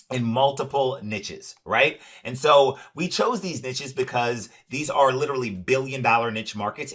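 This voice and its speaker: A man walks viewers through a software dashboard in a bright, salesy tone, with his voice sitting at a middling pitch. He keeps checking in with "right?" and scatters "uh" through his sentences. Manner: upbeat salesy, repeats "right?" and "uh". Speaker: product demonstrator. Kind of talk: screen-share software walkthrough.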